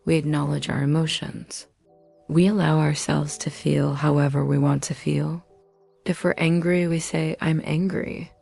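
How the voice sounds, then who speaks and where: A woman narrating a scripted self-help talk in a calm, measured way, sometimes dropping to breathy near-whispers. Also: sits low, faint music behind. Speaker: motivational narrator.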